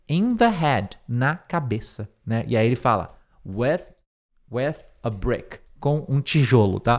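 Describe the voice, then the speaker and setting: A man from Brazil teaching an English lesson, repeating words slowly and carefully and speaking directly to his students to reassure them. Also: mid-range voice, fairly bright tone. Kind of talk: online English lesson, explaining phrases.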